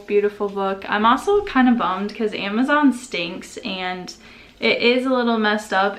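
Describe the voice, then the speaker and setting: A young woman chatting casually at home in a vlog, gushing and excitable. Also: mid-range voice. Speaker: book vlogger.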